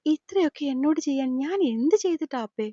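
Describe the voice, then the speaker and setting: A woman's voice: sits high, lively intonation, fairly quick, mellow, dry recording. A woman voicing a grief-stricken young woman who blames herself, pleading and tearful, in an audio storybook. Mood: distraught. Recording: slightly dull lo-fi recording.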